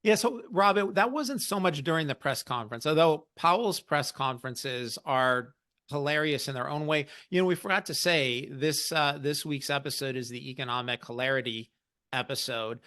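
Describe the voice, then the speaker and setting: Bright-voiced man explaining markets wryly. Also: on the high side, normal speed. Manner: explanatory, wry, lively asides. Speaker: investing podcast host. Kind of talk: conversational market commentary.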